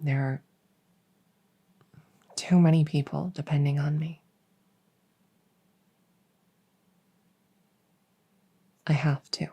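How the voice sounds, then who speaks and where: In an intimate audio roleplay, a woman plays a young princess worn down by duty and yearning to be free, her mood resigned and conflicted. Her voice sits low for a woman, soft and breathy. She speaks slowly and hesitantly in a conversational manner, with heavy acting.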